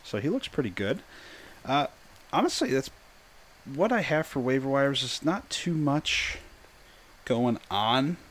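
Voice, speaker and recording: A man's voice: mid-range voice, sing-song, unhurried, pauses often, fairly bright tone, a little hiss or hum. A man hosting a casual sports talk, joking and conversational. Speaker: podcast host.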